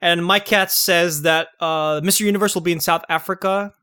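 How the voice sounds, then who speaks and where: A man co-hosting a movie podcast, recapping the plot in casual, animated chat with frequent laughs. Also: high voice, moderate pace, clear, resonant tone. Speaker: podcast co-host.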